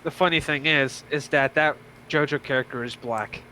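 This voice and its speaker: A man's voice: on the high side, fairly even intonation, moderate pace, pushed and bright, a little hiss or hum, poor audio. A man in a casual chat who explains and corrects details in a knowledgeable way.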